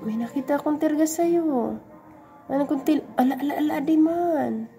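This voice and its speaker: Casual woman vlogger with a higher-pitched voice, sweet-talking her little dog. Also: normal speed, warm tone, faint music behind. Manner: coos and baby-talks to a small dog. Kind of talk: casual vlog chat.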